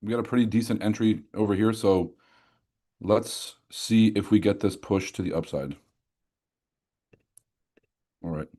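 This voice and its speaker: A man's voice: lowish voice, unhurried, long pauses, warm tone. A man giving casual, informal live commentary as a trader, partly muttering to himself. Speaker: livestreaming trader.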